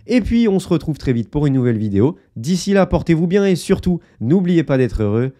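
A man's voice: a little high, sing-song, brisk, warm tone. A man hosting a casual football video, chatting opinions to his viewers with many fillers and asides. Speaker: football YouTuber. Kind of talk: casual football analysis to camera.

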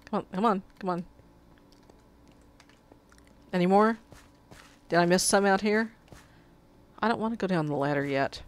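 A woman with a cold plays a video game, sucking a cough drop as she reads quest text aloud and swears at her mishaps. Her medium-pitched voice has lively intonation and a moderate pace, broken by long pauses, in casual let's-play commentary.

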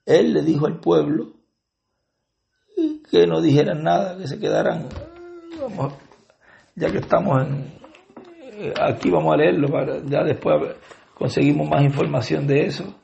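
Gravelly Puerto Rican preacher. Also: male voice, fairly high pitch, mellow. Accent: Puerto Rican Spanish. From Puerto Rico. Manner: reads scripture aloud, then explains it with many filler pauses. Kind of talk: Bible study sermon. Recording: dull lo-fi sermon recording.

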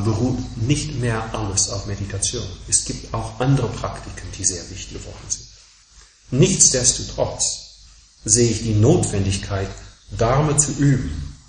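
A man giving a dharma talk as a Buddhist teacher, emphatic and measured, driving his points home through insistent repeated contrasts. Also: fairly low pitch, darkish tone, slight background noise. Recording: echoey room.

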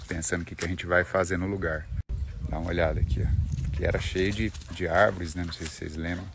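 Relaxed young man vlogging outdoors. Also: sits low, fast talker, background noise. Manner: relaxed, easygoing, teasing. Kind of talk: casual vlog chat. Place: outdoors on a country estate.

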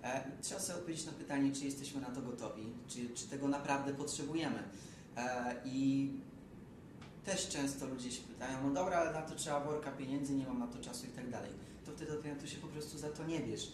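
A man's voice: mid-range voice, quick pace. Young man coaching in a roomy space. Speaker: running coach, guest. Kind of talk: casual conversation. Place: bright office room. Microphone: far camera. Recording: echoey room from far off with noise.

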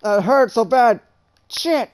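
A woman gamer chatting over a game with a friend. Her voice sits a little high and swings widely in pitch as she laughs, curses and yelps, and she takes her time between outbursts. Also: expressive, slow. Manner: swears constantly, laughs and yelps in surprise. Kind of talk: gaming chat with a friend.

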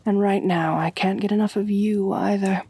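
Close to a dry microphone, a woman performs as a genteel, doting vampire mistress with a gently dominant edge in ASMR roleplay. Her mid-range voice, soft, breathy and husky with fairly even intonation, coaxes slowly and purrs endearments in a doting, admiring way.

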